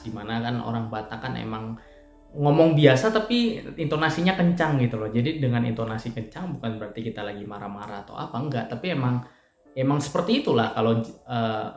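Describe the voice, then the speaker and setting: A man speaks at a middle pitch, giving a relaxed evening devotional in a church. His talk is conversational and full of homely examples. The room rings with echo, and soft music plays underneath. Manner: conversational, explaining with everyday examples and fillers. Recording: echoey room with faint music.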